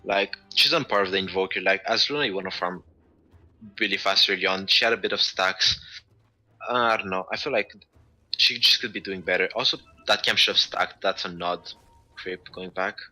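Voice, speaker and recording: A man's voice: low voice, normal speed, pushed and bright, faint music behind, low-quality recording. A man giving casual esports analysis as co-caster, chatty critiques full of "like".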